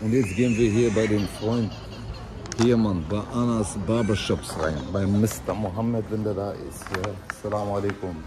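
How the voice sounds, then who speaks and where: Holding the camera at arm's length, a man in his thirties talks casually to his viewers, joking around as he goes from a hair salon to a city street. His voice sits on the low side, with fairly even intonation and a normal speed.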